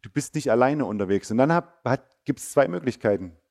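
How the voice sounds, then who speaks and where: A man preaching to schoolchildren, telling the story in an animated way, bursting out loud in places and dropping to a soft, quiet voice in others. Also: medium pitch, brisk, creaky. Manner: animated storytelling, acting out the disciples with sudden loud outbursts; drops to a soft, quiet voice for reassurance. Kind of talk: lively sermon for schoolchildren.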